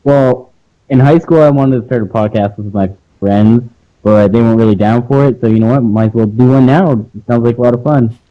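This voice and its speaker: A man's voice: medium pitch, fairly quick. A young man chatting in an easygoing way as a podcast co-host, heard through muffled phone-call audio. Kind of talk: casual chat over a call. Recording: muffled dull phone line.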